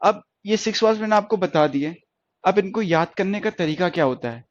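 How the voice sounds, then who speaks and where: A man's voice: high voice, brisk. A man teaching stenography in a lecture, who stretches out long vowel sounds for his students and keeps checking that they follow. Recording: dry, dull lo-fi recording.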